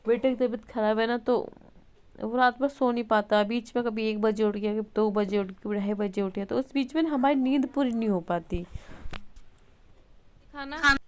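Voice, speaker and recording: A woman's voice: fairly high pitch, steady tone, fairly quick, darkish tone, clear, resonant tone. A young woman chatting casually in a home vlog at night, rambling with fillers and self-corrections as she talks about her children. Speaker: vlogger and mother.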